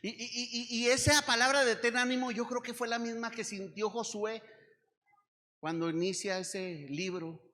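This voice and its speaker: A Mexican man preaches in a high, bright, ringing voice. He takes his time and asks the congregation question after question, hammering each point home. His voice carries through an echoey church hall. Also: steady tone, normal speed. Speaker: pastor. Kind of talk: sermon. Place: church service.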